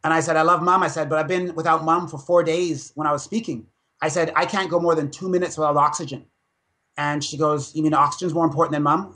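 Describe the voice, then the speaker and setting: A man in his fifties, a dentist and fitness speaker, telling stories with energy in a podcast interview. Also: a little high. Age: 50s. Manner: animated storytelling, energetic.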